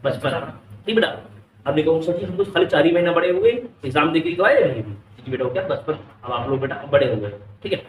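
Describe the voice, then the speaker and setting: A man's voice: fairly high pitch, lively intonation, brisk, a little hiss or hum. A male physics teacher with an Indian English accent lecturing a class, constantly firing questions at the students. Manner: keeps quizzing students, calls them beta. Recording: echoey classroom, mic far off.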